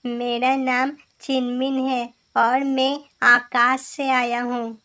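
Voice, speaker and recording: A woman's voice: level tone, slow pace, pushed and bright, full character voice. A woman voicing a lost young star fallen from the sky in a children's cartoon, in a raised, wondering voice. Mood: pleading. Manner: higher put-on voice, wondering.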